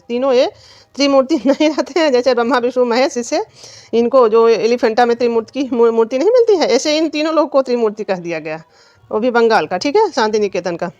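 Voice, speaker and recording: A woman's voice: fairly high pitch, a little mellow, dry recording, muffled recording. A woman teacher giving an exam-prep lesson, asking questions and answering them herself. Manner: repetitive quizzing, asks and answers own questions.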